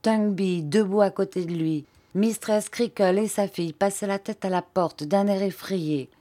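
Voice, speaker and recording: A woman narrating a classic novel as an audiobook in a measured, unhurried reading. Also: medium pitch, dark tone. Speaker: audiobook reader.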